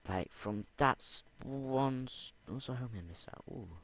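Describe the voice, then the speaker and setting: A man's voice: medium pitch, moderate pace, a bit bright, slight background noise. A young man rambling and talking to himself as he plays a game, repeating words under his breath. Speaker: gamer. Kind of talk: game commentary.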